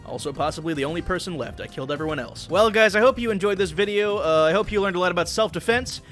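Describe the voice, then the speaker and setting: A man giving a sarcastic mock tutorial over gameplay, dry jokes breaking into gleeful shouting. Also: high voice, expressive, fast talker, soft background music. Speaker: gaming video creator.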